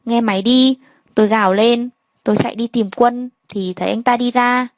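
A woman reads a first-person story aloud in a fairly high voice. She voices every character in much the same plain way. The recording is dry and close, with almost no room sound. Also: steady tone, a little fast, no room sound, rough recording. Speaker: narrator.

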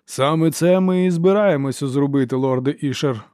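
A man voicing a suave, scheming older inquisitor in an audiobook, with a measured, melodious voice and a theatrical manner. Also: fairly high pitch, no room sound, clean studio sound, voice pushed up, close to an everyday voice. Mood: triumphant. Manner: smooth, theatrical, turns to shouting accusations. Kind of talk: audiobook character voice.

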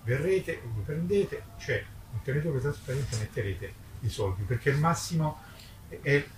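An older man, an independent publisher, gives an impromptu speech at a literary book presentation held as a live festival event. He is insistent, combative and polemical, repeating words for emphasis, with a medium pitch, lively intonation and moderate pace. The distant mic makes it echoey, with clear, noisy ambience.

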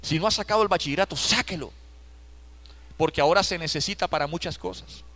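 A man's voice: fairly high pitch, fast talker, sharp tone. A man with a Costa Rican accent, a pastor giving a live Bible study in church, emphatic, repeating key phrases and asking the congregation direct questions. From Costa Rica.

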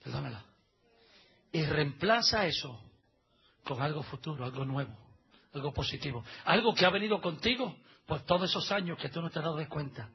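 A man preaching a sermon as pastor at a church service. He is emphatic, swinging between soft asides and loud exhortations. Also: on the high side, lively intonation, brisk, muffled recording.

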